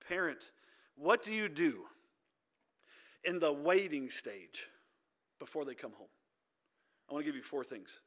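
Male pastor, sermon in church, high pitch, bright voice, emphatic and urgent. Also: a little slow, pauses often. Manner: emphatic, swings between loud exhortation and quiet intensity.

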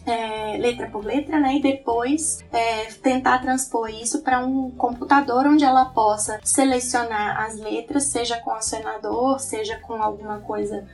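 A woman's voice: fairly high pitch, fairly even intonation, unhurried, few pauses, recorded from a distance, soft background music. A woman educator with a Brazilian Portuguese accent, explaining her teaching methods in an earnest presentation, often tagging phrases with a questioning "né".

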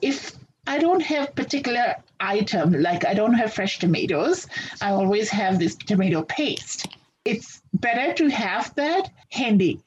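A woman's voice: medium pitch, big pitch swings, a little slow, highs cut off, a little hiss or hum. A woman from Fiji answering interview questions in a practical, upbeat way. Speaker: interview guest.

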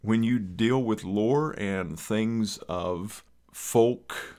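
A man's voice: fairly low pitch, drawn-out words, darkish tone. A man with an Eastern Kentucky accent hosting a podcast in a conversational, rambling way with folksy asides. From Eastern Kentucky, USA. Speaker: podcast host.

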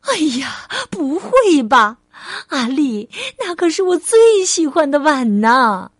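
A woman doing a calm, loving storybook mother. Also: measured pace, husky, dry recording, clean studio sound. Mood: dismayed. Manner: gentle, reassuring, lowered voice.

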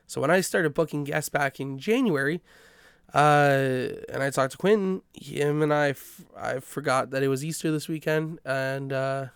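A man's voice: a little high, normal speed, clean tone, no echo, studio quality. A man, congested from a cold, hosting a podcast in a rambling, chatty way with frequent self-corrections. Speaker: podcast host. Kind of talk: casual podcast intro.

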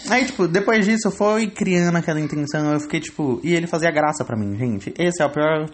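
A woman's voice: low-pitched, a little hiss or hum. A young woman with a Brazilian Portuguese accent telling gossipy stories in casual chat, acting out the lines of the people she quotes. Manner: rapid, gossipy storyteller who acts out quoted lines.

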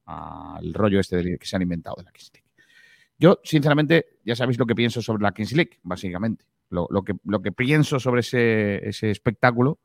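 A man presents sports radio in a fairly low voice. He talks casually and colloquially, pausing and repeating words, and the sound is dry and close. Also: gravelly, dry recording. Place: stadium press room.

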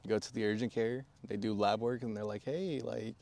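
A man's voice: on the low side, steady tone, fairly quick, creaky, a little mellow. A young man in his twenties telling his story candidly in a casual podcast chat, with frequent fillers and swearing. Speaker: podcast guest.

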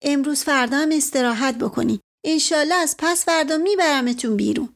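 An eager, caring young daughter, as a woman narrator voices her in an audiobook, coaxing and bright. The pitch climbs well above the narration, light and lifted. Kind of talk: audiobook character voice.

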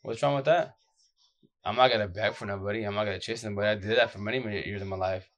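A man with a deep, groggy voice sounds worn out from too little sleep as he gives offhand advice to followers like a social media streamer. He talks fast with fairly even intonation, blunt and full of slang, repeating the same short phrases, and the audio's highs are cut off.

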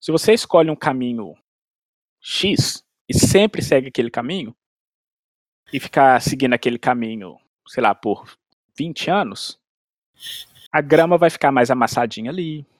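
A man's voice: medium pitch, expressive, moderate pace, long pauses, no room sound, studio quality. A man, explaining language learning in casual chat with everyday analogies and frequent restarts. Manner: explains with everyday analogies and acted-out inner dialogue. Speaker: language expert guest.

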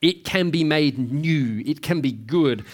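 A man's voice: fairly high pitch, animated, slow pace. Conversational preacher man. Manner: conversational, with frequent restarts and rhetorical questions. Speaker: pastor. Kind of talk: sermon.

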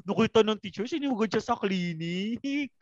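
A man's voice: high voice, normal speed, no room sound, muffled recording. A Filipino man hosting a podcast, telling stories in casual chat and laughing often. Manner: animated, laughing often, code-switching. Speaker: podcast host.

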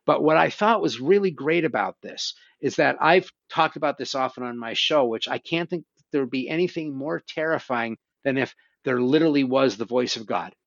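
A man's voice: medium pitch, fairly quick, vocal fry, few pauses, a bit bright, no echo, lo-fi sound. A man hosting a show, casually and animatedly retelling horror stories, swearing now and then. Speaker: podcast host. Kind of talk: casual conversation about horror films.

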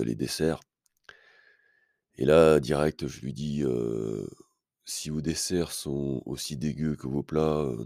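A man's voice: very deep voice, vocal fry, warm tone, dry recording, clean studio sound. A man hosting a podcast, telling a story in a casual monologue with many hesitations and fillers, blunt and self-assured in tone. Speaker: podcast host.

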